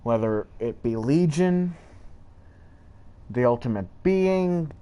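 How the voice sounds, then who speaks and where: A young man rambling slowly through the backstory of his online persona, halting and searching for words, his pitch jumping up and down. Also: lively intonation, mellow, smooth. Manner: rambling, halting, jumps between high and low pitch. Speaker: channel creator. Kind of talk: rambling lore monologue.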